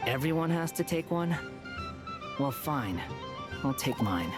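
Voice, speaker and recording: Casting: aloof, grudging game character, dry delivery, very deep for a female voice. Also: sing-song, unhurried, exaggerated voice. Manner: dry, reluctant. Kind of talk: video game character acting. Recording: music behind the voice.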